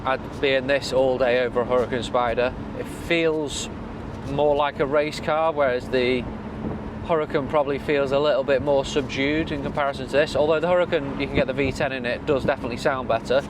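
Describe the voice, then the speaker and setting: A man's voice: mid-range voice, fairly even intonation, brisk. A British man, a car dealer hosting his own video, talks casually and unscripted in a matter-of-fact, explanatory way. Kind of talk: casual unscripted vlog commentary. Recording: clear background noise from cars and outdoors.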